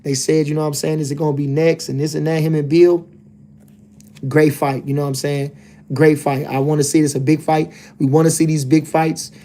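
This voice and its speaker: Casting note: male streamer, slightly higher voice, loose rambling fight talk. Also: little pitch movement, fairly quick, warm tone. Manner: laid-back, loose and rambling, lots of "you know what I'm saying". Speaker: livestream host, boxing commentator. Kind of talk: casual livestream chat reading comments.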